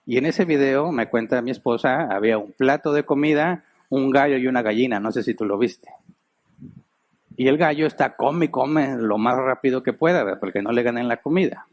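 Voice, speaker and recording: A man's voice: mid-range voice, brisk. A middle-aged man with a Mexican Spanish accent, a pastor giving a sermon in a chatty, storytelling way. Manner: storytelling, conversational, laughs while telling anecdotes. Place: church.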